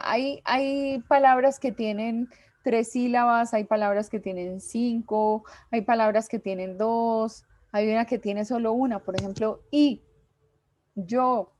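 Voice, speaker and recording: A woman teacher, giving a class lecture patiently and slowly, with many pauses and fillers. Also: a little high, darkish tone, no room sound.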